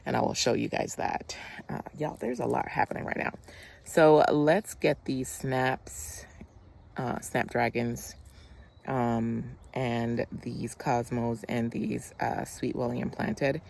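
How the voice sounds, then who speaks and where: Chatty gravelly-voiced garden vlogger. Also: medium pitch, slow pace. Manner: chatty, excitable, talks to viewers as y'all. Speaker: gardening channel host. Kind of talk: casual gardening vlog. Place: outdoor backyard garden.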